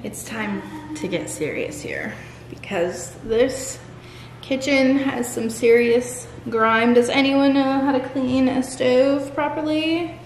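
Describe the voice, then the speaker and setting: A woman's voice: sits high, slight background noise. A woman in her thirties chatting matter-of-factly in a cleaning vlog, filmed on a handheld camera in the kitchen of an empty house. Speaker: vlogger. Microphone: handheld camera at arm's length. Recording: roomy echo in an empty house, music behind.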